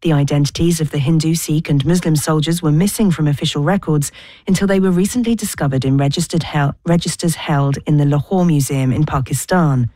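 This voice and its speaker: Low-voiced woman reading the news, dry studio sound. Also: fairly quick, mellow, no echo. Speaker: newsreader. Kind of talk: scripted news bulletin.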